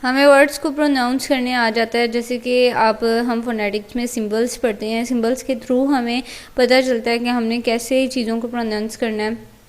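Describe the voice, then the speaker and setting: Woman with pakistani urdu accent, high voice, explaining a lesson casually and going over things again. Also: fairly even intonation, normal speed. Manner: plain, repetitive explaining with fillers. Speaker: teacher.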